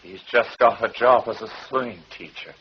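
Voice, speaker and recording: An actor playing a deadpan stage-Irish comic in a green beard, who delivers drawling comic patter in a radio play. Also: male voice, mid-range voice, normal speed, lightly acted. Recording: dull old radio recording with hiss.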